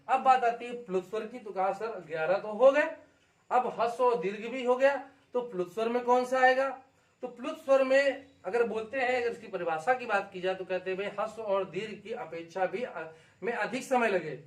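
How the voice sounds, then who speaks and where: A man with a high voice teaches an exam-prep lesson, explaining with energy and often checking that his students follow. The mic sits some way off, and the room echoes a lot. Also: recorded from a distance. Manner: lively explaining, frequent check-ins with students.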